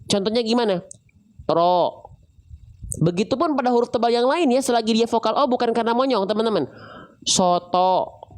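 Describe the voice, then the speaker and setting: A woman's voice: fairly high pitch, darkish tone. Woman teaching letter sounds patiently. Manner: asks herself questions, then answers them; slow, drawn-out sound demonstrations. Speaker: Quran reading teacher. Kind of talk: tajwid lesson to viewers.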